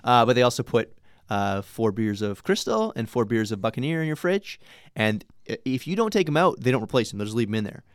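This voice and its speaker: A man's voice: mid-range voice, sing-song, fairly quick, smooth, no echo, clean studio sound. A young man chatting casually and rambling in a laid-back way, swearing now and then. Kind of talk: casual chat.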